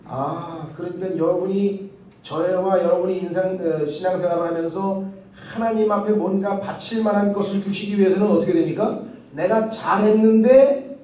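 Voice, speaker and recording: A man's voice: high voice, mellow. A male pastor preaching a sermon, telling stories animatedly and asking rhetorical questions, at a church retreat. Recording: echoey hall from far off.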